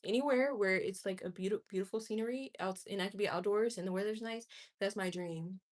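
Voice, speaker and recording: Her mid-range voice moves briskly. She's a livestream host in her late twenties, speaking openly and opinionatedly while answering her audience's comments one by one.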